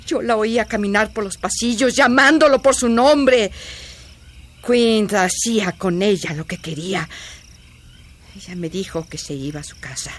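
An actress in a radio drama playing an older, loyal housekeeper who speaks in a deferential, pleading way. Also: female voice, mid-range voice, moderate pace, a little hiss or hum, natural voice. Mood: grim remembering. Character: older female housekeeper, loyal, anxious, protective.

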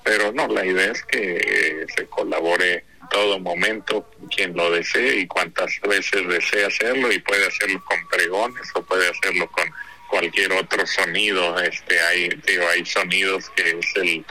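Deep, bright-voiced Mexican man explaining. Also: steady tone, measured pace, rough recording. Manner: informal, explanatory, frequent tag questions. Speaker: radio guest representing a sound map project. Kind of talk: conversational interview explanation.

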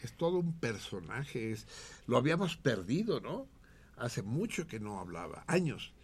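A man hosting a radio show, joking and swearing in casual, animated talk. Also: medium pitch, moderate pace, slightly rough. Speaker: radio host. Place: radio studio.

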